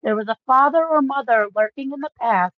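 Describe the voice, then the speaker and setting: A woman with a high, brisk voice co-hosts a podcast, talking through a book casually like an eager fan. The recording is dry and a little dull.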